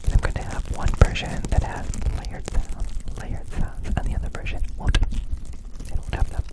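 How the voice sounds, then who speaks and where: A man hosting ASMR in a whisper, rambling softly and repeating words and phrases. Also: normal speed, poor audio. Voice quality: fully whispered, unvoiced voice. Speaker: host of an ASMR channel.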